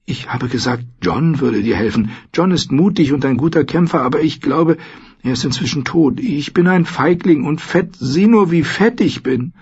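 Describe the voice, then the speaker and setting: Male narrator as a timid, anxious young watchman in an audiobook, raised pitch. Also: normal speed, darkish tone, breathy edge, highs cut off. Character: fearful, self-doubting young man of the Night's Watch.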